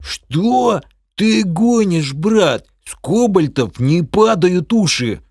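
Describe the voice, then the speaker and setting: A man voicing a greedy, excitable male hamster trader who shouts in street slang, in an audiobook. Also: high-pitched, unhurried, dry recording, clean studio sound, voice pushed up, exaggerated voice. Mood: indignant. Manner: indignant, shouting, money-obsessed slang. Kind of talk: audiobook character voice.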